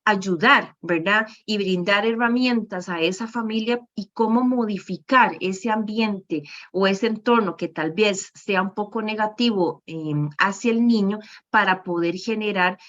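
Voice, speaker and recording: Woman, lecture to professionals, mid-pitched voice, many fillers and "¿verdad?", dull lo-fi audio. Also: a little slow, fairly bright tone. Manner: frequent "¿verdad?" tags and fillers. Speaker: lecturer on child behavior. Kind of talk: presentation to professionals. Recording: muffled lo-fi recording.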